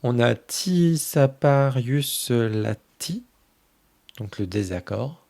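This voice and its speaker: A man hosting a tarot channel, casually flipping through a new oracle deck and fondly commenting on each card in a soft voice that often trails off. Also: medium pitch, animated, extremely slow, creaky.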